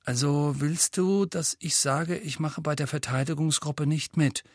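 A man's voice: on the high side, steady tone, unhurried, dry recording, clean studio sound, pitched above the performer's own voice. A man reading an audiobook, voicing a hesitant teenage wizard boy who mumbles. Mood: mumbling.

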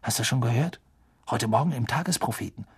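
A man voicing an eager schoolboy who shares news in a quick, hushed voice. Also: mid-range voice, animated, slightly rough. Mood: excited gossip.

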